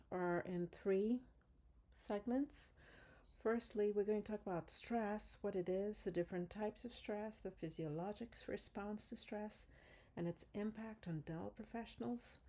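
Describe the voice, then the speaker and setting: A middle-aged woman from Ghana, a dentist and coach presenting a webinar in a measured, deliberate way. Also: medium pitch, warm tone.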